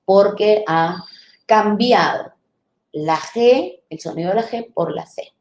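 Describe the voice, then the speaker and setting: A woman teacher trainer giving a live online lecture, explaining patiently, sounding out syllables slowly and checking in with her listeners. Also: medium pitch, a little mellow, roomy sound, slight background noise.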